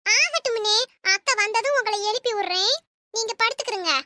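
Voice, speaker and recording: Woman voicing a squeaky cheeky young daughter-in-law. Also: sharp tone, no room sound. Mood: sweet. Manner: chirpy, sly and quick-witted. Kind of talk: cartoon voice acting.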